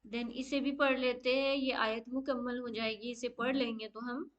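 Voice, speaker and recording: A woman's voice: a little high, little pitch movement, highs cut off. A woman teaching an online lesson on Quran recitation rules, explaining each step patiently and often saying okay. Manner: slow drawn-out chanted Arabic recitation.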